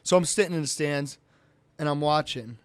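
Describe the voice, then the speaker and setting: A man's voice: normal speed, no room sound. A man, a race car driver, telling stories in a casual podcast interview, acting out the people he quotes. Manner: animated storyteller, jumps high when quoting others.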